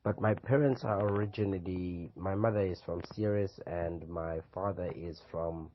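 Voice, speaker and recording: A man's voice: deep voice, fairly even intonation, a little slow, dull audio, slight background noise. A South African man in his twenties, a podcast guest, answering questions in an earnest, reflective way with many "you know"s. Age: 20s. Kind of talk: interview answers.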